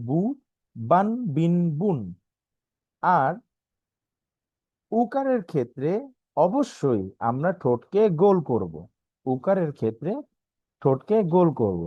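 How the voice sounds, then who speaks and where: A man leads an online language class in a measured, repetitive way. He drills each syllable several times and pauses to ask whether the class is following. His voice sits at an ordinary pitch and is recorded close and dry, with no room sound. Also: darkish tone, no echo. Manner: slow and repetitive, drilling sounds one by one with checking questions. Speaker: Quran language teacher.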